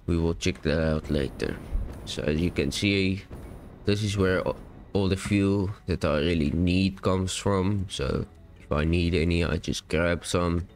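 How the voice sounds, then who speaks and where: Slow, low-voiced gaming man. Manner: relaxed, unsure, rambling with self-corrections. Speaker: gaming YouTuber. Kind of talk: casual game world tour.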